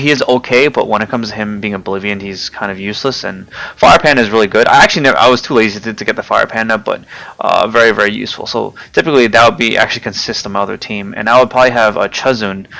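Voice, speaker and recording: A man giving casual, hesitant commentary over his own gameplay, often pausing with fillers and forgetting names. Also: on the low side, gravelly, bright, forceful tone. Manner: hesitant, many fillers, loses track of names. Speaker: gaming video creator.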